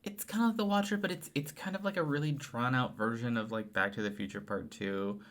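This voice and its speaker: A man's voice: mid-range voice, brisk, fairly bright tone. A man co-hosting a podcast in casual chat, tired late at night, rambling with restarts and trailing thoughts. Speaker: podcast co-host.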